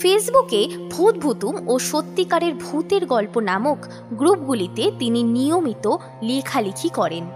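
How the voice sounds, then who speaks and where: A woman host reads out credits slowly and deliberately. Her voice sits a little high, over clear background music. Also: big pitch swings. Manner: slow, deliberate announcing. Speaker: narrator-host announcing credits. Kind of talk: scripted announcement.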